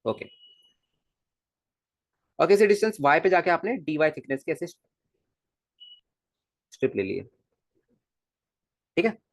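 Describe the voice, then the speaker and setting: Animated male physics teacher, dry room. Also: on the high side, slow pace, pauses often, dry recording. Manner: animated, coaxing, repeats questions to students. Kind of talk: recorded classroom lecture.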